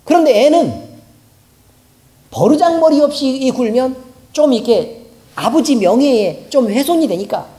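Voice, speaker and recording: A woman's voice: high-pitched, lively intonation, measured pace, long pauses, mellow. A woman pastor preaching a sermon in a colloquial way, often putting rhetorical questions to the congregation. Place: church.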